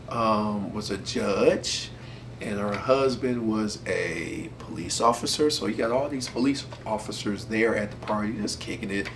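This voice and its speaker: Man, 50s, mid-pitched, easygoing storyteller with a faint hiss behind him. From Detroit, USA. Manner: relaxed, chatty, laughs often. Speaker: channel host. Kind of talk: casual storytelling.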